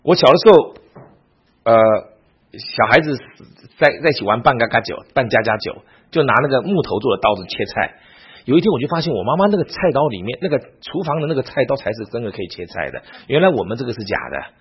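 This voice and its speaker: Husky animated male Bible teacher. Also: mid-range voice, quick pace, highs cut off. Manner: animated, rhetorical questions to the class. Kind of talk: teaching sermon.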